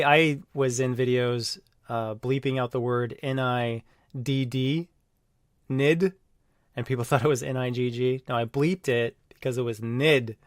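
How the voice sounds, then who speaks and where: A man talking casually on his video channel, rambling with lots of fillers and jumping into loud mocking voices when he quotes people. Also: mid-range voice, smooth, no echo, clean studio sound. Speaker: YouTuber. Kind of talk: casual monologue.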